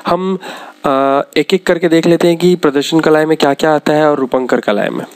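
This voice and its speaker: Brisk man with a raised voice. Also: on the high side. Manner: brisk, lists items one after another with frequent pauses to explain. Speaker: exam-prep teacher. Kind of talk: slide-based lecture.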